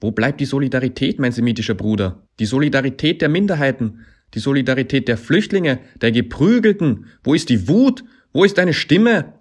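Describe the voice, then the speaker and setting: A man voicing a sarcastic male climbing hold that talks back, dry and mocking, growing into loud accusations. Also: deep voice, expressive, drawn-out words, full character voice. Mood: shouting.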